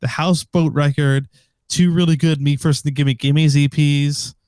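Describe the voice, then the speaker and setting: A man's voice: on the high side, steady tone, normal speed, a little mellow, clean tone, no echo, clean studio sound. A man in his late twenties co-hosting a podcast, rambling with lots of "like"s and casual swearing. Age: late 20s. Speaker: podcast co-host. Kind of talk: casual chat.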